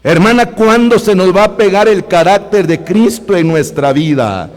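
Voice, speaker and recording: A man's voice: high voice, expressive, moderate pace. A man with a Guatemalan Spanish accent preaching a sermon in a church hall, emphatic and repetitive, often calling out to the brothers and sisters. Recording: long hall reverb.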